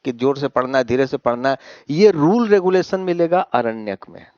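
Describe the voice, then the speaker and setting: A man's voice: medium pitch, expressive, normal speed, darkish tone, no room sound. Hindi-speaking male teacher lecturing a class. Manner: asks questions and answers them, often adds 'है ना?'; mixes English words into Hindi. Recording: dry, slightly dull sound.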